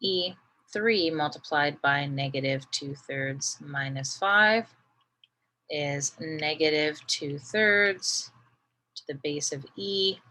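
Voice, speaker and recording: A woman with a low, deep voice works through a calculus problem, patiently narrating each step. She checks in with the listener as she goes, in a steady teaching style. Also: takes it slowly, rough recording. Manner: patient, talks through each step, often adds "right?". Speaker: math teacher. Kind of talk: step-by-step math lesson.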